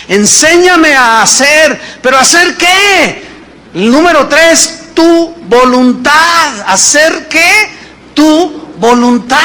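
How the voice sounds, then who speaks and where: A man's voice: very high voice, fairly bright tone. A man, preaching a sermon as pastor, emphatic, with rhetorical questions and acted-out dialogues. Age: 50s.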